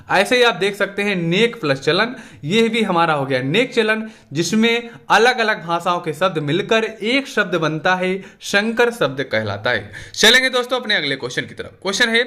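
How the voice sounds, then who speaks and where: Male exam tutor, high bright voice, Hindi accent, conversational question-and-answer delivery. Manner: conversational, repeatedly asks and answers own questions. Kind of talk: exam revision lesson.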